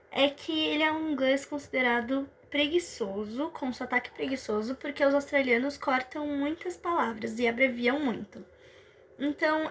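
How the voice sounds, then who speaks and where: High-voiced young woman presenting. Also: fairly bright tone. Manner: explanatory, with hesitations. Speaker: student presenter. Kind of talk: school presentation.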